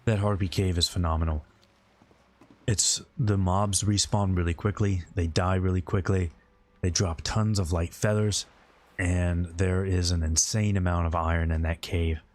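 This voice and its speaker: A man's voice: low voice, fairly even intonation, moderate pace. A man talking informally and ramblingly as he hosts a game livestream and answers his viewers' chat. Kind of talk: casual gaming stream commentary, answering viewer chat.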